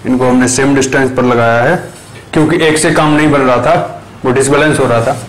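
A man's voice: medium pitch, steady tone, brisk, rough recording. A young man casually explaining a homemade machine step by step, with hesitant fillers and restarts, recorded on a camera a few metres away in a small bare room. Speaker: maker showing a build.

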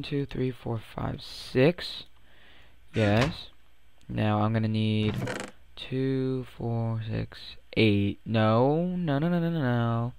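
Slightly under the weather, this young man cracks his voice now and then while rambling playfully through a let's-play on his gaming channel, throwing in silly sing-song hype bits. He has a mid-range, creaky, a little mellow voice, and there's slight background noise.

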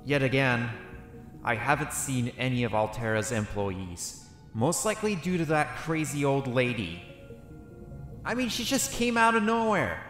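A roleplaying gamer voices a character over gameplay, thinking aloud to himself as he plays. His medium-pitched voice is a little slow and a bit bright, with big swings in pitch, and the echoey, reverberant room carries faint music.

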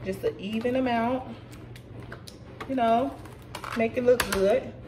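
A woman's voice: a little high, slow. Woman, tipsy, chatty cooking walkthrough, home kitchen, distant camera mic, noticeable room noise. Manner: chatty, talks to viewers as "y'all". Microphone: camera set back at counter.

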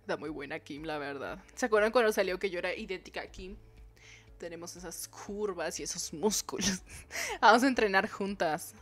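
A woman's voice: lowish voice, animated, normal speed, a bit bright. A young woman, streaming a dating game, reading its dialogue aloud and joking with her chat. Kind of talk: live game commentary.

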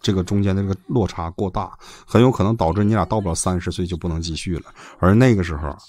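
A man's voice: deep voice, fast talker, darkish tone. A man hosting a livestream advice call, blunt and insistent, swearing freely as he lectures a caller.

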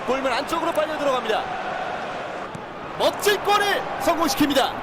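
A man playing an excitable play-by-play commentator in a football video game, calling the action frantically. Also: very high voice, fairly quick. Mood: excited, urgent. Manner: frantic, shouting on goals and shots. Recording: loud stadium crowd and game noise.

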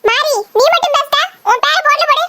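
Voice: fast, sharp tone, dry recording, exaggerated voice. A voice actor playing a group of cheeky village schoolchildren in a cartoon, squabbling and teasing. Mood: rowdy. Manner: teasing, squabbling, shrill giggling. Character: chattering village schoolkids, boys and girls, cheeky. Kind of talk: cartoon voice acting.

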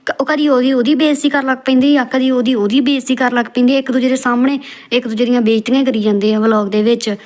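A woman's voice: high-pitched, little pitch movement, very fast, a little mellow. A woman roasting video clips in a scolding, mocking tone. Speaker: roast commentator.

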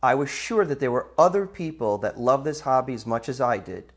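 A man's voice: medium pitch, expressive, a little fast. A man, a metal detecting hobbyist, telling his story reflectively in a documentary interview.

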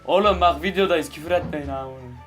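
A young man with a high, bright voice narrates his gameplay, joking and laughing with his teammates. He sounds excitable and playful. Faint music plays underneath. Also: fast talker. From Turkey. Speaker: gaming channel host. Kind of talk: casual gameplay commentary with friends.

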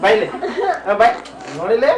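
A man's voice: very high-pitched, animated, normal speed. A man at a shelter who speaks, coaxing and teasing a resident in casual chat. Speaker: shelter worker comforting a resident. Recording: roomy and distant, with music over it.

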